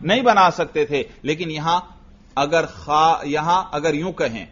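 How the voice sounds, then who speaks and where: A man's voice: on the high side, a little slow, a bit bright, highs cut off, slight background noise. A male teacher with a Pakistani Urdu accent, giving a classroom grammar lecture, explaining patiently and asking his class questions that he then answers himself.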